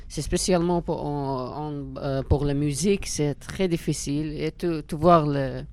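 A man's voice: on the high side, normal speed. An Iraqi musician, a man with an Arabic accent, answers casually in hesitant, broken French with the odd English word mixed in. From Iraq. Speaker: musician, interview guest.

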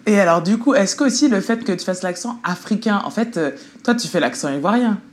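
Fast eager woman, rushing her point in an interview. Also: mid-range voice, animated, slight background noise. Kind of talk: documentary interview.

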